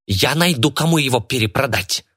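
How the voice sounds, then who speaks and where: A man's voice: mid-range voice, animated, brisk, a bit bright, voice pushed up. A man voicing a spiteful, greedy villainess who hisses and shrieks. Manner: hissing, shrieking.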